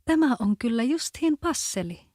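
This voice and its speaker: Woman reading a picky little girl, kven accent, mellow voice. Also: sits high, expressive, no room sound, studio quality, voice pushed up. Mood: fussy. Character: curious little girl Goldilocks.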